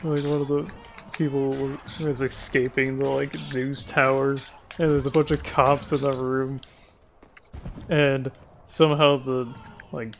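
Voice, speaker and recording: A man's voice: mid-range voice, level tone, unhurried, slight background noise. A man hosting a gaming video, chatting casually with a friend while playing, rambling with lots of fillers. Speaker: gaming channel host. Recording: loud keyboard typing behind.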